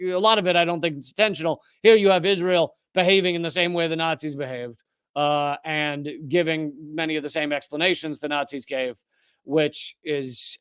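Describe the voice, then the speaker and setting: A male host delivering a heated political monologue, his fairly high voice smooth and clear. He swings between biting sarcasm and earnest outrage, recorded close and dry. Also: pushed and bright, no echo. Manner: impassioned, sarcastic.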